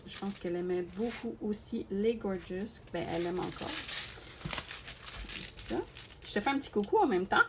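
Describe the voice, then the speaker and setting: A woman chats through a craft unboxing, with a mid-pitched voice and easy fillers. She repeats her words when she gushes and talks straight to her viewers. The home recording carries a steady hiss and small clicks. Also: moderate pace. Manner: chatty, gushing, many fillers and repeats. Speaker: crafting YouTuber. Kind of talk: casual unboxing talk to viewers. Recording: steady background noise with clicks.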